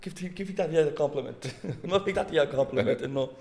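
A man's voice: fairly high pitch, very fast, darkish tone. A man with a Lebanese Arabic accent in casual, humorous chat, telling stories with mocking mimicry and slipping in English phrases. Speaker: podcast co-host.

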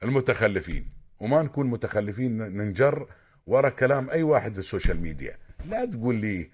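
A man's voice: on the low side, very animated, fast, a little mellow, breathy edge. A man with an Emirati accent calling in to a radio show, giving insistent, lecturing advice and repeating his points. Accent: Emirati Arabic. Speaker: caller.

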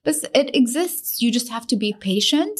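Fast-talking young Lebanese-raised woman. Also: high voice. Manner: lively, mixes English with Arabic, many "like" and "you know" fillers. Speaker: guest, fitness trainer and dietitian. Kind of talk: casual podcast interview.

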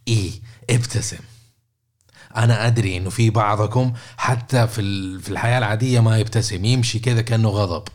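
Chatty low-voiced man coaching listeners. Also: steady tone, fast, a little mellow. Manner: conversational, repeats words, asks listeners questions. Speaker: podcast host and coach. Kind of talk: casual instructional talk.

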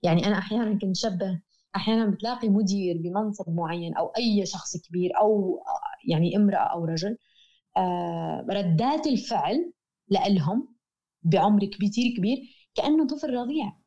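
Woman, Levantine Arabic accent, fast pace, mellow tone, earnest, emphatic, interview guest. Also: medium pitch, highs cut off. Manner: earnest, emphatic, repeats key phrases. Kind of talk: reflective explanatory conversation.

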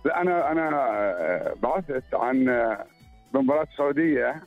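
A man calling into a radio show, telling a story with halting restarts. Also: mid-range voice, expressive, phone-quality sound, soft background music. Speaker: radio caller. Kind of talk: call-in chat.

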